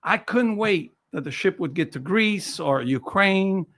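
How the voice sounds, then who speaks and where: Speaking with an Italian accent, a Neapolitan photographer in his sixties shares personal stories during a relaxed interview, often repeating phrases to stress them. His high, fairly bright voice sounds animated but unhurried.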